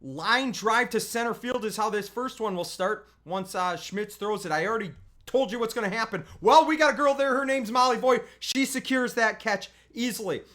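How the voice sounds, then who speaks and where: A youth softball coach narrates game highlights in a loose, chatty play-by-play. The delivery is full of quick asides and self-corrections, and it jumps to loud, excited cheering on big plays. The pitch sits in the middle range. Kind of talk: highlight recap commentary over game video.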